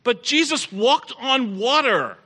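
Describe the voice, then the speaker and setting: A middle-aged male preacher delivering a sermon to a congregation in the room. His voice sits high and sounds piercingly bright. He is emphatic and drives his points home by repeating key phrases. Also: expressive, slow.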